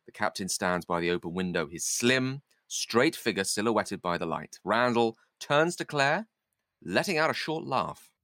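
Lively low-voiced man reading stage directions. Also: normal speed, no room sound, clean studio sound. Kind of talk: script read-through with casual asides.

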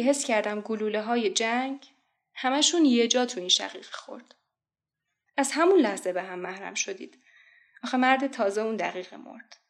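A woman of middle pitch explains a song and then recites its lyrics aloud. Her delivery stays soft, sinking almost to a whisper on the saddest lines.

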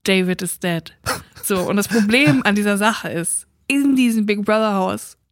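A woman's voice: mid-range voice, moderate pace, dry recording, studio quality. A woman casually retelling a funny story on a podcast, acting out quotes and laughing often. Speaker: podcast co-host.

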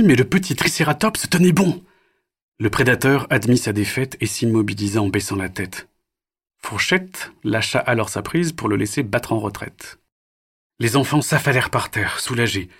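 A man narrating a children's story, expressive and dramatic, sometimes dropping to a whisper. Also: lowish voice, creaky, slightly rough.

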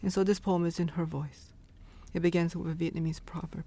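A poet speaking softly, then reading a poem aloud in a measured way with long pauses. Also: male voice, on the high side, fairly even intonation. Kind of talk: poetry reading.

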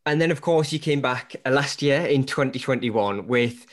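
Chatty and generous with enthusiastic compliments, this man hosts and interviews on a casual podcast in a Newcastle English accent. He speaks at normal speed in a mid-range voice.

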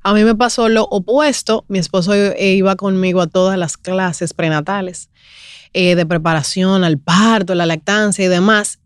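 A woman's voice: mid-range voice, fairly even intonation, normal speed, smooth, no room sound, studio quality. A woman hosting an interview, affirming her guest and then sharing her own experience in a conversational way. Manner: affirming, soft backchannels. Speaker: podcast host.

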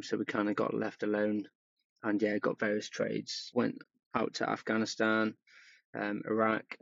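A man's voice: lowish voice, vocal fry, no echo, lo-fi sound. A man in his thirties from Wales, a performance coach talking casually as a podcast guest, with lots of ums and yeahs. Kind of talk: podcast interview.

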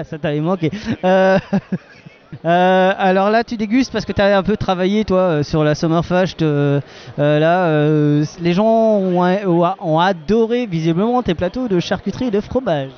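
A man hosting a roving interview at an outdoor wine festival, teasing and joking with guests, halting with many fillers. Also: sits high. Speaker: festival podcast host. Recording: muffled lo-fi recording.

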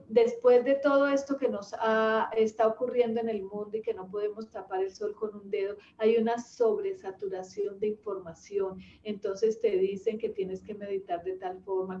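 A woman in her fifties speaks slowly and reflectively, pausing often with soft hesitations. Her voice is mellow and warm. It sounds a little dull, as if recorded in an echoey room. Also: medium pitch. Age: 50s. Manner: unhurried, reflective, with many hesitations. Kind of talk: reflective personal talk. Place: rural home with animals nearby.

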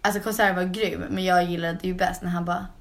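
A woman co-hosting a podcast in easygoing conversation. She teases her co-host in a relaxed way and drops English phrases in here and there. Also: fairly low pitch. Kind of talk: casual chat.

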